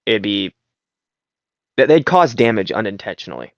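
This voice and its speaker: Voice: medium pitch, big pitch swings, normal speed, creaky, no echo, highs cut off. A player describing their characters' moves in a tabletop game, rambling and hesitant, fighting yawns.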